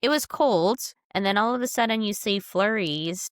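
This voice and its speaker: A woman co-hosting a sports podcast in casual chat, sounding nasal from a cold, chatty and animated. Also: medium pitch, normal speed, clear, resonant tone, no room sound, studio quality. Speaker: podcast co-host.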